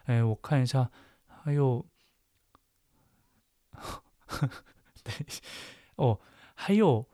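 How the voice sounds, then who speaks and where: A man's voice: mid-range voice, no echo. Chatty man, dry close sound. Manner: chatty, thinks aloud with many fillers and restarts. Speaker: host. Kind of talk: casual solo chat explaining Japanese names.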